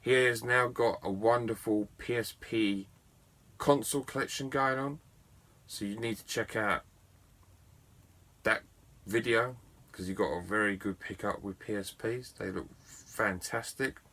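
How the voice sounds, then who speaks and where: Chatty man with a bright voice. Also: fairly low pitch, fairly even intonation, measured pace. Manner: chatty and enthusiastic, self-mocking. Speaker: video game collector vlogger. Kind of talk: casual storytelling to camera.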